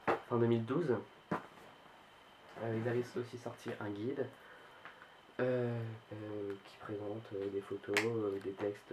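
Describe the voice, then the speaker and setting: A man's voice: medium pitch, a little mellow, slight background noise, rough recording. A man casually showing his book collection on his video channel, talking hesitantly with many fillers and restarts. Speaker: book vlogger.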